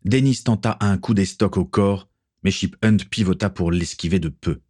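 A man narrating an adventure story in a steady, even reading voice. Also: deep voice, moderate pace, dry recording, studio quality. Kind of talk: audiobook reading.

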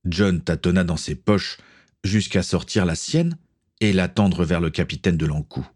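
A male narrator reading a story aloud at a steady, measured pace. His voice is deep and husky. The delivery is even and unhurried. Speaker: audiobook reader.

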